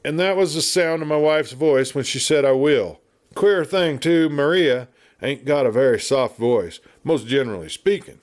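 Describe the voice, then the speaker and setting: A man performs a storybook character voice: a garrulous, good-natured but irascible frontier marshal with an American Western drawl and folksy, blustery chatter, gossipy and animated. The voice is on the high side and expressive at normal speed, pitched above his own yet close to an everyday voice.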